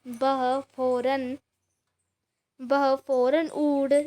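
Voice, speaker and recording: Woman teacher, high voice, unhurried, reads a passage then unpacks it line by line, many restarts. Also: flat delivery, dark tone. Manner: reads a passage aloud, then explains each line in simple words; frequent restarts and filler sounds. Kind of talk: explaining a textbook lesson.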